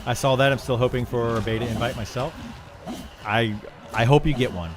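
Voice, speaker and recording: On his livestream, a middle-aged man who streams video games answers viewers in a casual, slightly rambling way. His mid-range voice is fairly quick with fairly even intonation, over clearly audible background noise and ambience.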